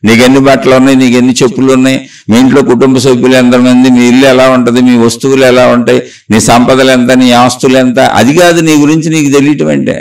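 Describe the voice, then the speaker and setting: Quick, earnest male spiritual speaker piling up rhetorical questions, slightly distant mic. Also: mid-range voice, level tone. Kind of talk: spiritual talk to listeners.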